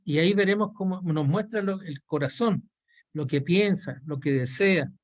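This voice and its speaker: A man teaching a Bible counseling class in a measured, explanatory way as he walks through a diagram. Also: sits high. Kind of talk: online course lesson.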